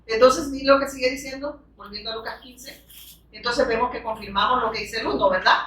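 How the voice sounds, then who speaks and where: Woman preacher, bright higher voice, delivering a fervent sermon; recorded from a distance in a reverberant church. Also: steady tone, brisk. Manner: fervent, frequent rhetorical questions and amens. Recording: echoey room, distant from the mic.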